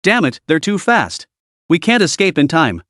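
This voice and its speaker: A man's voice: on the high side, big pitch swings, moderate pace, fairly bright tone, dry recording, studio quality. A man voicing a wry, scheming young male beast tamer who mutters his thoughts aloud in a storybook recap. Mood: urgent.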